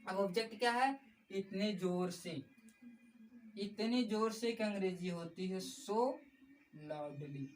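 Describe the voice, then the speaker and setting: A woman's voice: medium pitch, measured pace. Woman teacher explaining grammar step by step, repeats herself patiently, recorded a little off-mic with faint room noise. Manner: patient, repeats key points, addresses viewers as friends. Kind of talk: explanatory classroom lesson. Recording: slightly distant mic with faint background noise.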